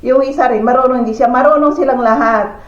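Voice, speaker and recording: A woman's voice: high-pitched, fairly even intonation, brisk. A woman from the Philippines telling a story in a casual home vlog, chatty and full of fillers and exclamations. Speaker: family vlogger. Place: at home, indoors. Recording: echoey room, dull lo-fi sound.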